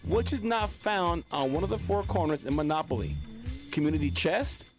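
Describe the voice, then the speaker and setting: Showy high-pitched quiz host. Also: male voice, expressive, moderate pace, rough recording. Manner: theatrical, punchy announcements. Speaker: game show host. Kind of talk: comedic trivia quiz hosting. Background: music.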